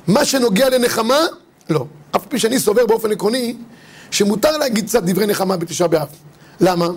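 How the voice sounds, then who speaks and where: A man's voice: high-pitched, breathy edge. A rabbi giving a religious lesson, telling humorous stories and acting out his characters' lines. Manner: lively storyteller, acts out the characters' lines. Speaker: rabbi teaching religious law.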